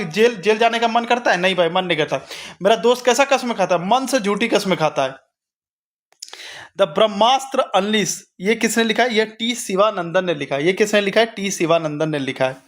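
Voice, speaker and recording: A man's voice: high voice, fairly bright tone. A young man teaching an exam-prep lesson with memory tricks, asking rhetorical questions and repeating each answer. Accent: Hindi-speaking north Indian.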